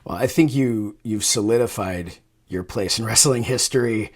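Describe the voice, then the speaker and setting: A man's voice: fairly low pitch, moderate pace. A man hosting a show and interviewing a guest, earnest and hesitant, with fillers as he asks questions. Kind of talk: interview and scripted show outro.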